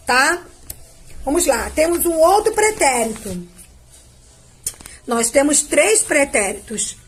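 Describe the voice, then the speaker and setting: A Brazilian woman teaching a grammar lesson to children, drawing out verb forms patiently and checking in with a quick "tá?". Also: high-pitched. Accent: Brazilian Portuguese. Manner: ends phrases with a checking "tá?". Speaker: primary school teacher.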